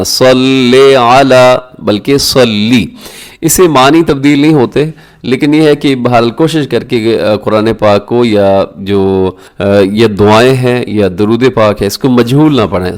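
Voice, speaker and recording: A man teaching prayer recitation, chanting the words slowly and drawn out, then explaining pronunciation in quick asides. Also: mid-range voice, a little mellow. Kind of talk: instructional recitation lesson.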